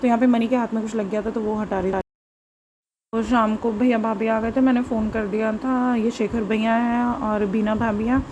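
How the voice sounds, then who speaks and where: A woman vlogger with a hoarse, sore throat, chattily narrating her home footage and often correcting herself as she rambles. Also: fairly high pitch, steady tone, moderate pace, a little hiss or hum, poor audio.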